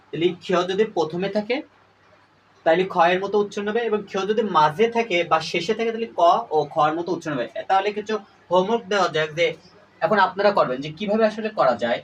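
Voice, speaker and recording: A man teaching a lesson to his students, who repeats each point and quizzes his listeners. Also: sits high. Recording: voice a little far from the mic, faint room noise.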